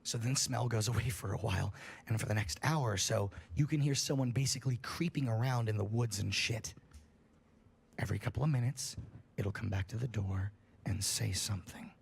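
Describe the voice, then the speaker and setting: A man's voice: brisk, gravelly, breathy edge. A man on a livestream reading a horror story aloud in a casual, profane way, his voice rising at the tense parts. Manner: casual and profane, rises in pitch at tense moments.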